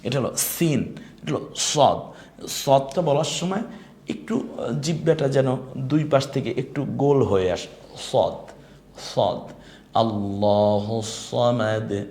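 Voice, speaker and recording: A man's voice: medium pitch, animated, measured pace, a little mellow. A man teaching an online lesson on Quran recitation, patiently modelling each letter sound for the learner to repeat.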